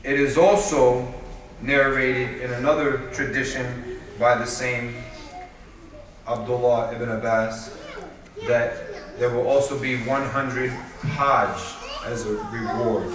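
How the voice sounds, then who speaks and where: A man giving a sermon at a religious gathering, reading aloud in a measured, steady way. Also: medium pitch. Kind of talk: sermon with read-aloud prayer. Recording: echoey hall, voice from far off.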